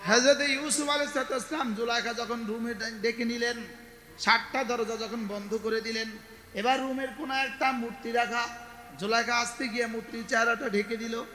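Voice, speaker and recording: A man's voice: extremely high pitch, fairly even intonation, a little fast, bright, forceful tone, slight background noise. A male preacher giving an Islamic sermon, chanting Arabic verses and calling out questions to the congregation. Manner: chanting Arabic verses, call-and-response with the crowd. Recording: echoey hall with long reverb.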